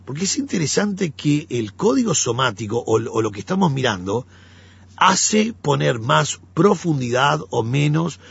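A gravelly, slightly raspy man speaks as a pastor in relaxed conversation. His pitch rises and falls in a lively way as he acts out the people in his stories. The recording sounds dull and lo-fi. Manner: animated storyteller, acts out quoted voices. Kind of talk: conversational teaching.

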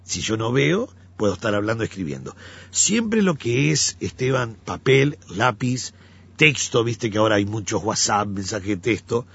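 A man, a pastor telling stories in an animated conversational way and acting out the voices he quotes. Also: fairly low pitch, normal speed, slightly rough, lo-fi sound. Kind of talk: conversational teaching.

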